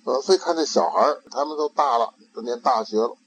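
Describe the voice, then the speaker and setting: An older man and grandfather giving an informal Buddhist talk, slow and halting, often repeating words while he searches for them. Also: medium pitch, a bit bright, slight background noise, low-quality recording.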